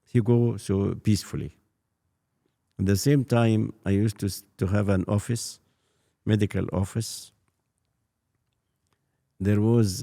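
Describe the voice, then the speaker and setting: A man in his eighties with an Egyptian accent, a native Arabic speaker, telling his life story as a priest in an interview, halting and repeating words. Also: sits low, vocal fry, warm tone. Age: 80s. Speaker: Coptic priest guest.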